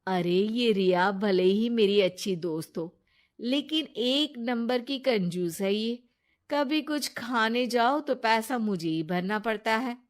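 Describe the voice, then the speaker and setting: A woman voicing a jealous, scheming young woman friend in a storybook tale, talking loudly and whining. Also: a little high, takes it slowly. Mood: sly.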